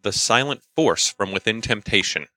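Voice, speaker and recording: Man, low pitch, bright forceful tone, casual storytelling podcast host, dry recording. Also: expressive, normal speed, no room sound. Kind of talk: casual chat, anecdotes.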